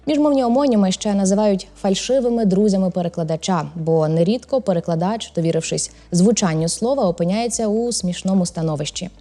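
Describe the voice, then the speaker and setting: A woman with a mellow, mid-pitched voice presents a language lesson, reading her scripted explanations in a clear, measured way. Faint music plays softly behind her. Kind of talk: scripted educational narration.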